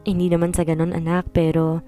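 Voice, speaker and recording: A woman voicing a concerned older father who coaxes his daughter gently but firmly, in a storybook reading. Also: lowish voice, monotone, brisk, faint music behind, lightly acted. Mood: worried. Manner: concerned, coaxing.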